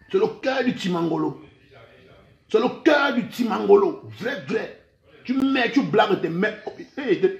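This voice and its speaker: A man's voice: high-pitched, echoey room, muffled recording. A man from Cameroon with a Cameroonian French accent, mixing in Camfranglais, delivering a heated, threatening rant for social media and repeating the same words.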